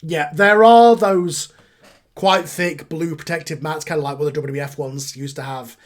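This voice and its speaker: A man running a tabletop wrestling game as game master, thinking aloud in halting, relaxed phrases. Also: fairly high pitch.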